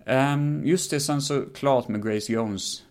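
A man hosting a podcast, talking through a film in a casual, rambling way with many fillers and some swearing. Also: medium pitch. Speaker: podcast host. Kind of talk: casual film review monologue.

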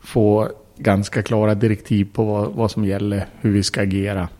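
A man's voice: fairly low pitch, level tone, dark tone. A man, a podcast guest, telling a story in casual speech, bluntly, with swearing and acted-out quotes. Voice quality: gravelly, husky.

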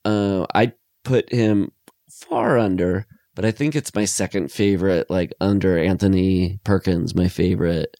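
A man's voice: low voice, measured pace, dark tone, no echo, studio quality. A man co-hosting a podcast, chatting casually and jokily about a film, rambling and trailing off into fillers. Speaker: podcast co-host.

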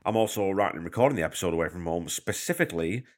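Speaking very fast in a low, expressive voice, this podcast host from Canada records a casual monologue on a portable mic in a hotel room. A cold leaves him slightly congested, and he comes across as chatty and self-deprecating while he patiently explains things.

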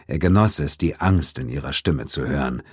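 Male audiobook narrator, very low voice, measured and even delivery, dry studio sound. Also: slightly rough, dry recording. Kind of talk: scripted narration.

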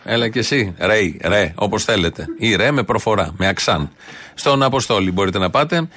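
A man's voice: fairly low pitch, animated, a bit bright. A man hosting a satirical radio show, talking in a sarcastic, emphatic way. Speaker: radio host.

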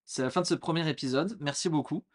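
A young man co-hosting a casual chat podcast, relaxed and hesitant, with many fillers. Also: fairly high pitch, fast talker. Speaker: podcast co-host.

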